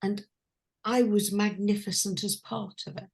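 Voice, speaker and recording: A woman from London, a transformational coach telling a personal story in a slow, hushed, intimate way. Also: medium pitch, level tone, gravelly, breathy edge. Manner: slow, hushed and intimate, dwelling on each phrase.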